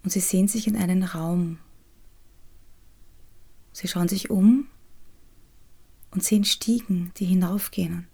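A woman guides a meditation in a soft, soothing half-whisper, pausing often. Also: lowish voice, fairly even intonation, vocal fry, breathy edge. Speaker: podcast host and resilience trainer guiding a meditation.

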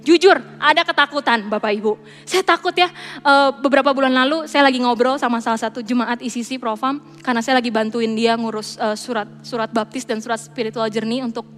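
Chatty high-voiced woman preacher. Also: brisk, slight background noise. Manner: chatty, animated, mixes in English phrases. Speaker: church speaker. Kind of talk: casual sermon. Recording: reverberant church hall with faint music.

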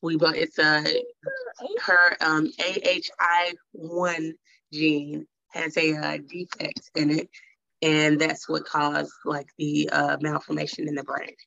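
A woman's voice: sits low, flat delivery, takes it slowly, vocal fry, sharp tone, no echo, dull audio. A woman in her thirties, chatting on a video call as a mother telling her story, rambling with many fillers and restarts. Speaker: guest, mother. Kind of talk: casual video call chat.

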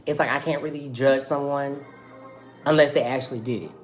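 A young adult American man with a naturally feminine-sounding voice hosts a podcast, chatting candidly and casually in slang. His medium-pitched voice has fairly even intonation and a fairly quick pace. Faint music plays behind him.

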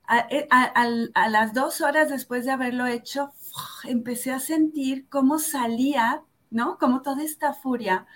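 A woman's voice: high-pitched, fairly bright tone. A woman, a yoga instructor telling her story in an interview, earnest and reflective, often tagging her phrases with "¿no?". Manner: earnest and reflective, tags phrases with "¿no?", slows down for emphasis. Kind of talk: personal testimony in an interview.

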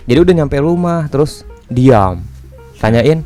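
A man co-hosting a casual chat, quickly telling a story about his partner. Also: medium pitch, lively intonation, music in the background. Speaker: podcast co-host.

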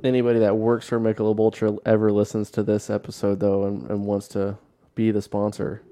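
A man's voice: lowish voice, monotone, a little fast, mellow. A man co-hosting a podcast, chatting casually in bro-ish slang with frequent swearing. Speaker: podcast co-host. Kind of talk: casual chat.

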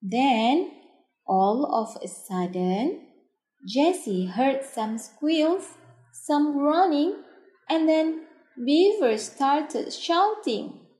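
A woman gently reading a children's story aloud, in a roomy, echoey recording. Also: high-pitched, animated, drawn-out words.

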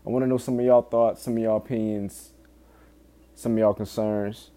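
A man's voice: fairly low pitch, steady tone, normal speed, dark tone. A man speaking casually and candidly in a solo podcast monologue, swearing often and earnestly pleading with listeners in urgent warnings. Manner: informal, frequent swearing. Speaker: podcast host.

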